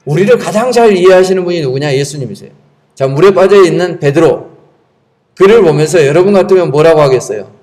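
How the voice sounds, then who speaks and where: A man's voice: fairly high pitch, expressive, fairly quick, darkish tone. A man preaching a Sunday sermon as pastor, emphatic and asking the congregation rhetorical questions. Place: church sanctuary.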